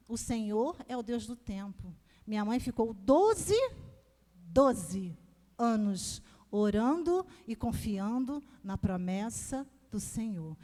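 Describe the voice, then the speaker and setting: A middle-aged Brazilian woman preaching a sermon at a women's congress, telling personal testimony with animated, emphatic storytelling. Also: high-pitched. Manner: animated storytelling, emphatic, acts out quoted voices. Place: church sanctuary. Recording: long reverb of a church hall.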